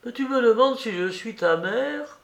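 A man's voice: very high-pitched, animated, unhurried, creaky, voice pushed up, full character voice. A man reading aloud, voicing a grieving old mother who sobs and pleads with her son. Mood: tearful pleading. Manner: tearful, pleading.

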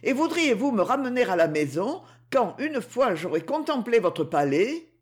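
A desperate young goddess girl begs through her tears, her voice pitched high and swinging wildly, as a woman reads her part. She pleads breathlessly, each cry rising sharply. The delivery sounds like a storybook audiobook. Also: big pitch swings, moderate pace. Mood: timid. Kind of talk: audiobook character reading.

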